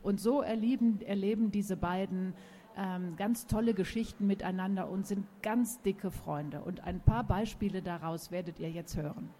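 A woman reading her children's book aloud at a book fair event, speaking gently and directly to the children. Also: mid-range voice, fairly even intonation, moderate pace, slight background noise.

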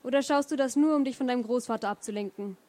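A woman voicing a calm, caring young girlfriend in a story reading, asking softly. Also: fairly high pitch, fast talker, lightly acted. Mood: gentle. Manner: soft, gentle questions.

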